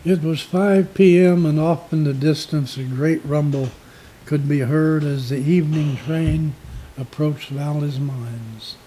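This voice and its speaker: Slow, mellow male history narrator. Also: fairly high pitch, fairly even intonation, slight background noise, low-quality recording. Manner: slow, measured storytelling. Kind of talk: scripted local history narration.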